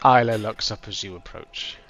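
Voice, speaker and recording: A man's voice: lowish voice, normal speed, vocal fry, fairly bright tone. A man casually narrating a tabletop game as game master, with music behind him.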